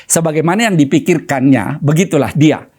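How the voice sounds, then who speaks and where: A middle-aged male pastor preaching a sermon, telling a personal story with animated, swinging delivery. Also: on the high side, fairly quick.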